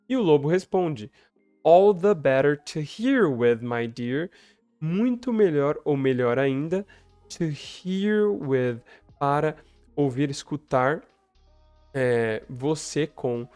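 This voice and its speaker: A man's voice: mid-range voice, darkish tone, no echo. A man teaching English, reading story lines aloud and translating them, often checking in with the viewer. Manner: frequent tag questions to the viewer. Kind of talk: explaining a story for learners.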